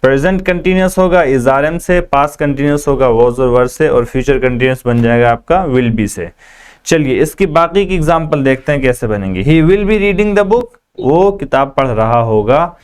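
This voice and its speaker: A man teaching a spoken English lesson, drilling sentences slowly and asking the class repeated questions. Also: mid-range voice, clean tone.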